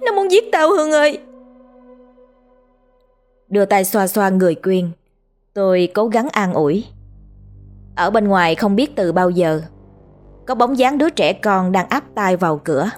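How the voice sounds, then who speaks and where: A woman telling a scripted horror story in a steady, measured way. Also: medium pitch, soft background music.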